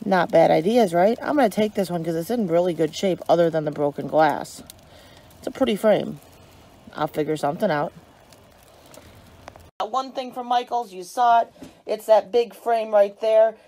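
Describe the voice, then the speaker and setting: At store dumpsters and at home, a dumpster diving vlogger in her thirties films on her handheld phone and talks chattily and cheerfully to her viewers. Her medium-pitched, dark-toned voice keeps a moderate pace with frequent pauses, and the recording is rough.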